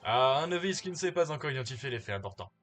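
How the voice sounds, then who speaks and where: A confident young rock-star prosecutor, as a man reads his lines in a mid-range voice. He sounds suave and teasing, with quiet music faintly behind. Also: medium pitch, lively intonation, fast, lightly acted. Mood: smug. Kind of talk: reading game dialogue aloud.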